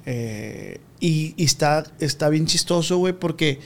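A man with a Mexican accent, talking in a casual podcast chat in a slangy, confiding way that often sinks to a low murmur. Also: expressive, a little slow, creaky. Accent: Mexican Spanish.

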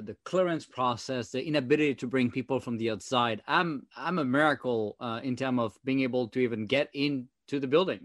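A man's voice: mid-range voice, no echo. A man with a French accent speaks bluntly and with urgency as an interview guest, stumbling through fillers and restarts. The recording is dry and close, with no room sound. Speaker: guest, former chief software officer. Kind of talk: interview talk.

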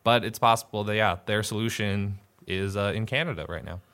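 A man's voice: on the low side, fairly quick, fairly bright tone, clear, resonant tone. A man co-hosting a sports podcast, chatting casually and thinking through questions aloud. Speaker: podcast co-host.

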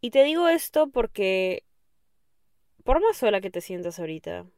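A woman hosting an advice podcast, speaking affectionately to the listener and often checking in with a quick question. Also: mid-range voice, very animated, darkish tone, no echo, clean studio sound. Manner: affectionate, calls listener "mi amor", keeps asking "¿ok?". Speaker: podcast host. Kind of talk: advice monologue.

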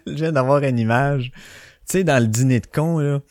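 A man with a Québécois French accent holds forth alone on his podcast, loose and profane, slipping into quoted voices as he tells his stories. His pitch sits in the middle range. The recording is close and dry, with no room sound. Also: expressive, slow, a little mellow, no echo. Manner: swearing, ranting storyteller who acts out quotes. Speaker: podcast host. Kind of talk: casual solo podcast monologue.

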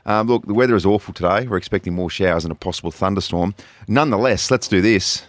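A man's voice: fairly low pitch, fast talker, no room sound. An Australian man hosting a weekend radio show, joking and teasing his co-host in casual banter. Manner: jokey, teasing, upbeat.

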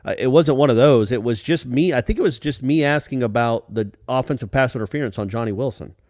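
A man hosting a casual sports podcast, animated and rambling, with many restarts. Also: mid-range voice, fast talker, no echo, clean studio sound.

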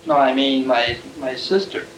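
A man's voice: mid-range voice, unhurried. A man in his twenties answering questions defensively and belligerently on an old archival tape recording. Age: 20s. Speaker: suspect under interrogation. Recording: roomy, distant tape with hiss.

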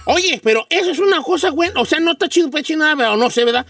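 A man's voice: extremely high pitch, animated, rapid-fire, a bit bright, no echo, recorded from a distance, faint music behind. A Mexican man from Michoacán hosting a radio show, telling a rambling, slangy story in a casual chat.

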